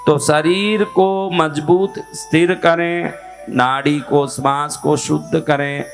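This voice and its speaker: Slow-spoken man teaching devotional practice. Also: a little high, fairly even intonation, faint music behind. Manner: asks listeners questions, then answers them. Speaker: spiritual teacher.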